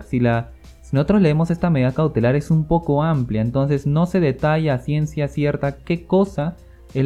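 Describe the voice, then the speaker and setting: A man with a Peruvian Spanish accent, a consumer-law specialist giving measured, methodical expert commentary and closing his points with a tag question. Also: medium pitch, warm tone.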